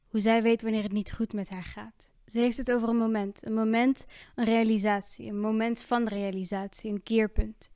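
A woman performs spoken word poetry in a fairly high voice. She takes her time, leaning on rhythm and repeated lines. Her delivery moves between loud and hushed passages. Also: smooth, dry recording, studio quality.

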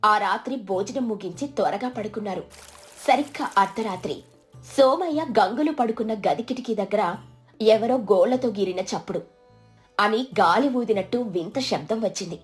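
A woman narrating a village moral story in an expressive, scripted storybook style. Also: mid-range voice, normal speed, faint music behind.

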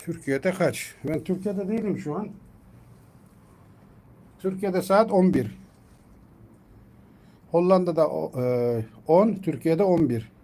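A man chatting casually on a live stream at home, coaxing his cat to come inside and calling it loudly by name. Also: on the high side, slow pace, long pauses.

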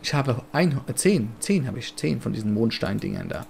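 A man's voice: mid-range voice, very animated, moderate pace, creaky, darkish tone, a little hiss or hum. A man from Germany giving chatty, rambling, blunt and jokey commentary while playing a life-sim game. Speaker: let's play gamer. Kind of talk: casual gameplay commentary.

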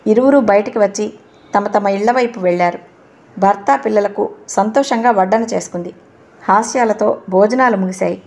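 A woman narrating a novel in a steady storytelling manner. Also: medium pitch, moderate pace. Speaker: audiobook narrator.

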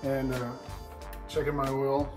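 A man in his thirties hosting a home cooking show, explaining each step in a relaxed way as he cooks in his kitchen. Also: medium pitch, unhurried, poor audio. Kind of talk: casual cooking demonstration. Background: background music.

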